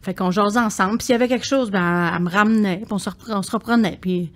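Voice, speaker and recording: A woman in her sixties with a Québécois French accent, a singer telling stories as a podcast guest, animated and quick to laugh. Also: mid-range voice. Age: 60s. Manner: animated storyteller, laughs often, tags phrases with "là". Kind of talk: casual conversation.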